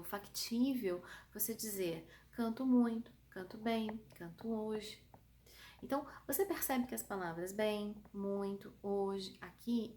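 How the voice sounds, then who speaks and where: A woman with a São Paulo countryside Brazilian accent teaching an online grammar lesson, lively and emphatic, often checking with her students. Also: medium pitch. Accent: São Paulo countryside Brazilian Portuguese. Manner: lively, emphatic, asks the class checking questions. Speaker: Portuguese teacher.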